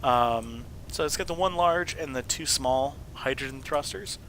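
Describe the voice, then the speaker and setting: Sniffling and nearly voiceless from illness, this man shows off his game builds in a loose, joking walkthrough full of rambling and self-corrections. His hoarse, mid-range voice is fairly bright, a little slow, and at times fades to a whisper, over slight background noise.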